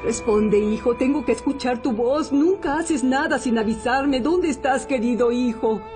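A woman's voice: sits high, normal speed, music in the background, close to an everyday voice. A woman dubbing a devout mother in a soap opera, fervently praying and pleading for her son. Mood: anxious. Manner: fervent, beseeching.

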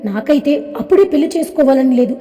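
Woman doing a hurt young woman, pleading, tearful, high bright-free mellow voice, long reverb. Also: animated, fast talker.

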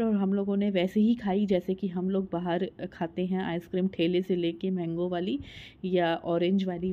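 In a medium-pitched voice, a Hindi-accented Indian vlogger in her thirties does a chatty voice-over for her home video, walking through every step with plenty of filler sounds. The audio is narrow and tinny.

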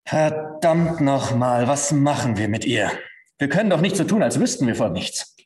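A man's voice: medium pitch, lively intonation, moderate pace, darkish tone, lightly acted. A man voicing a blunt, weary army captain who grumbles in exasperation, read aloud in a story. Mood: exasperated. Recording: echoey hall.

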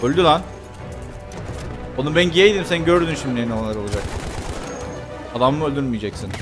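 A man giving casual, joking commentary while playing a shooter game, now and then breaking into excited shouts. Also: mid-range voice, moderate pace. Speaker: gameplay commentator. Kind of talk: casual let's-play commentary. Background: game gunfire and faint music.

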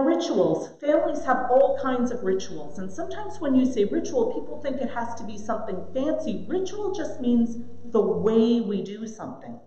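A woman's voice: fairly high pitch, a little hiss or hum. A middle-aged woman giving a reflective talk to parents on family faith rituals and telling personal stories about her own childhood. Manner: warm storytelling with personal anecdotes. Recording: echoey room, slightly muffled.

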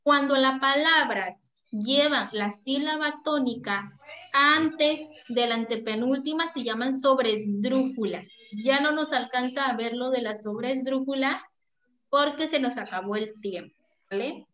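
A woman's voice: sits high, measured pace, sharp tone, roomy sound. A woman teacher giving an online class, affectionate, often checking in with the pupils. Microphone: video call.

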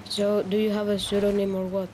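A man's voice: high voice, monotone, brisk, crowd noise. A man from Greece with a Greek accent, chatting casually with other gamers and asking persistent, curious questions. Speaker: gamer on voice chat. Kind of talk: casual chat.

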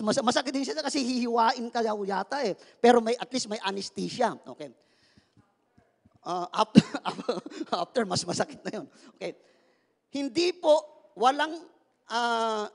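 A man's voice: extremely high pitch, big-room sound. A male pastor preaching a sermon in a playful way, joking with the congregation, asking for their replies, and mixing English phrases into his talk. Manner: mixes English phrases into speech.

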